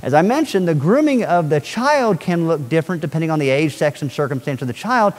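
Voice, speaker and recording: Animated man speaking in a hall. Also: fairly high pitch, fairly quick. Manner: animated, asks the audience questions often. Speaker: speaker on child safety. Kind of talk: energetic talk to an audience. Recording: long hall reverb.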